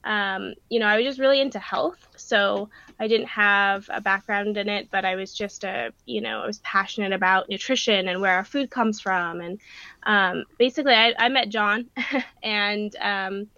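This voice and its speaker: Upbeat woman ranch owner, podcast guest, quick laughs, crisp bright tone, dull dry recording. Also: mid-range voice, no room sound. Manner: laughs often, chatty and upbeat. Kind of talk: casual podcast interview.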